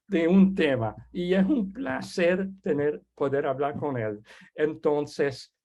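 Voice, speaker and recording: On an online video call, a man whose first language is French hosts a webinar and introduces a guest speaker. He speaks casually and haltingly, restarting often, in a slightly high voice with a darkish tone.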